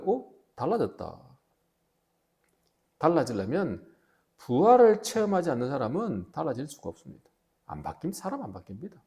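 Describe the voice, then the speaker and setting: A male pastor with a Gyeongsang Korean accent, preaching a sermon with emphatic, animated storytelling. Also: fairly high pitch. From Gyeongsang region, South Korea.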